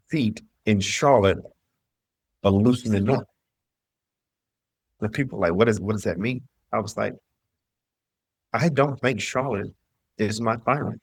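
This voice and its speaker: A middle-aged man from the southern US, such as Mississippi or North Carolina, shares his personal story as an interview guest, with a fairly low voice in a dry recording. He's emphatic, repeating phrases as he voices the thoughts he had back then.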